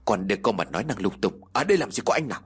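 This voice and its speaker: Man doing a stern young father, husky, weary, scolding tone, ghost story. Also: lowish voice, sing-song, very fast, voice pushed down, exaggerated voice. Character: worried young father, stern with his sons.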